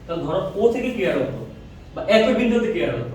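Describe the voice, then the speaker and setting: A male physics teacher lecturing a class, firing quick questions and repeating answers in a call-and-response drill. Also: on the high side, big pitch swings, a little mellow, slight background noise. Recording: echoey room, mic far off.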